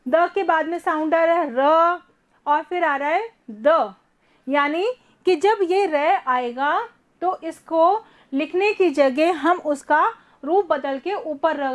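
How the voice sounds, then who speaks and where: A woman teaching a first-grade class online, patiently repeating words slowly for young children. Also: very high-pitched. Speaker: primary school teacher.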